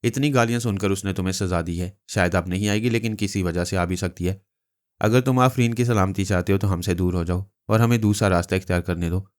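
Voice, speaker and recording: A man reading a novel aloud, voicing a calm, cautious male leader who speaks in a measured way. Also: deep voice, lightly acted.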